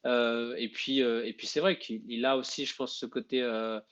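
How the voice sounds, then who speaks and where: A man with a middle-pitched voice, co-hosting a casual basketball live stream. He talks hesitantly and repeats words as he searches for them. His mic sounds a little dull and lo-fi. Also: little pitch movement, moderate pace, fairly bright tone. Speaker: podcast co-host.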